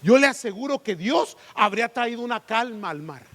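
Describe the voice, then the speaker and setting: High-voiced pastor preaching in a hall. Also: male voice, normal speed. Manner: animated preaching with rhetorical questions. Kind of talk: sermon. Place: church sanctuary. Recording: long church hall reverb.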